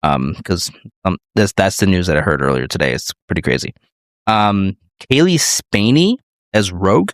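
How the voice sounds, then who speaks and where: A man's voice: low-pitched, lively intonation, normal speed, no echo, clean studio sound. A man co-hosting a podcast in casual chat, rambling and hesitant with many fillers. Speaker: podcast co-host.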